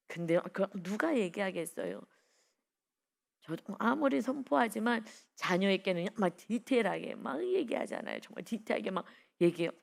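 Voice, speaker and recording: A middle-aged woman preaching an early-morning sermon, emphatic and repetitive, rising to loud exhortations. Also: mid-range voice, gravelly. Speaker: pastor.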